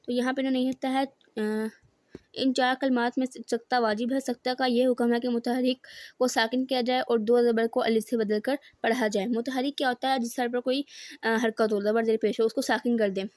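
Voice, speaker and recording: A woman with a Pakistani Urdu accent teaching Quran reading in a step-by-step lesson, patiently explaining rules and then reciting words slowly. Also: a little high, fairly even intonation, a little mellow, dry recording.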